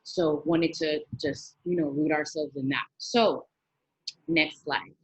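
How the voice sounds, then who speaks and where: A woman's voice: low voice, fairly even intonation, slow pace, slightly rough, no room sound, low-quality recording. A young woman from Miami, a guest speaker giving an earnest webinar talk with many fillers. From Miami, USA.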